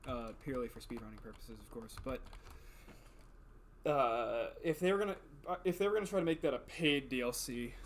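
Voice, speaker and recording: A man's voice: mid-range voice, brisk. A man streaming a video game in casual chat, congested with a stuffed-up nose, joking and swearing freely.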